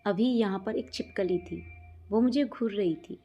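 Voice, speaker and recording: A woman's voice: mid-range voice, measured pace, mellow, breathy edge. A woman reading as a flirty teasing sister-in-law. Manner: playful, teasing.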